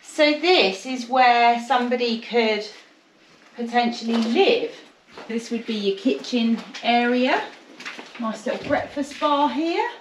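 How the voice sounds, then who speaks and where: A middle-aged woman vlogger walks outdoors and through open bush shacks, showing viewers around in a casual, enthusiastic way and seeming easily impressed. Her voice is a little high and slow, captured by noisy on-the-move camera audio.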